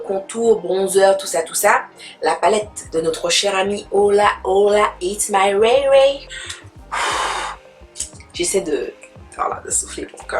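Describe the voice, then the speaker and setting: A young woman, chatting casually through a makeup tutorial and dropping in English words. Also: mid-range voice. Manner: chatty, mixes in English words, repeats fillers. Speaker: beauty vlogger.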